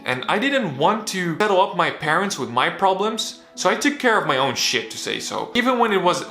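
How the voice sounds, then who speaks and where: A fairly high, pushed and bright male voice belongs to a young Dutch-raised vlogger whose native tongue is Bosnian. Candid and casual, he earnestly recounts his own motivational journey, recorded with a roomy echo.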